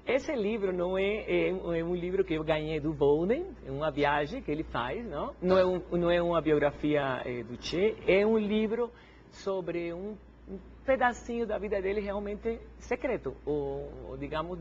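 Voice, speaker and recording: A woman, a Spanish speaker, answering in a TV interview as guest; she speaks haltingly and keeps adding little "no?" tags. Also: on the low side, lively intonation, darkish tone. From Cuba. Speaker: guest, filmmaker and museologist. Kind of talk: TV interview conversation. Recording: dull TV broadcast sound with faint hiss.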